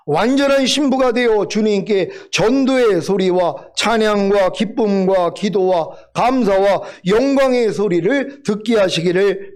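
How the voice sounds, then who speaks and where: A man preaches a sermon with earnest exhortation and a playful nudge at his listeners. His voice sits notably high for a man. He talks straight to the congregation as their pastor. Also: darkish tone.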